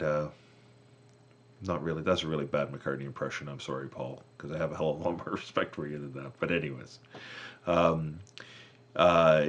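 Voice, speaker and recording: Very deep-voiced rambling man. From Canada. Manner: rambling, self-correcting, casual swearing. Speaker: musician. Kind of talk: casual vlog monologue.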